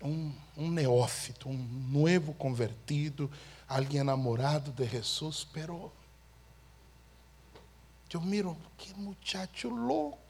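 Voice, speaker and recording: Fiery high-voiced male preacher. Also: takes it slowly, vocal fry, husky. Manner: animated storytelling with shouted exclamations. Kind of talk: sermon.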